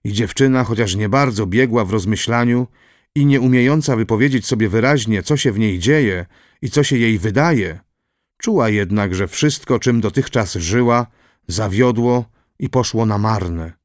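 A man reading a historical novel aloud as an audiobook narrator, in a measured, solemn way. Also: fairly low pitch, no room sound, clean studio sound.

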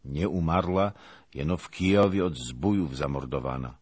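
A man voicing a calm, melancholy small knight in an audiobook, in his own low husky voice. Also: moderate pace, heavily acted. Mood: grave.

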